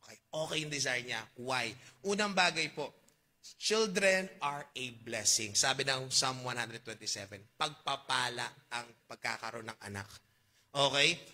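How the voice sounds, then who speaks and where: A man with a Filipino accent preaching a sermon, reading old-fashioned scripture slowly and asking his congregation questions. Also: mid-range voice, lively intonation, sharp tone. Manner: mixes Tagalog and English, reads KJV verses slowly; asks the congregation questions, jokes. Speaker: pastor.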